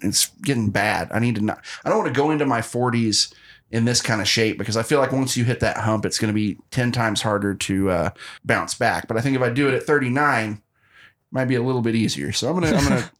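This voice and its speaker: A man's voice: mid-range voice, fast talker, a bit bright. Rambling self-mocking male podcast host. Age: 30s. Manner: rambling, self-deprecating, frequent restarts. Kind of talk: casual podcast chat.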